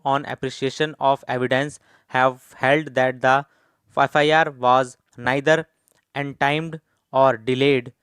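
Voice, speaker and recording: A man with an Indian accent dictating formal legal text in deliberate, evenly timed phrases, as a shorthand instructor does. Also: mid-range voice, a bit bright, clean tone, no room sound.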